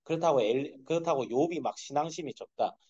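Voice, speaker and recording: A man's voice: a little high, fairly quick, mellow, husky, no room sound. A man giving a casual, conversational sermon at a dawn school service, often asking his listeners rhetorical questions. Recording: dull, dry lo-fi sound.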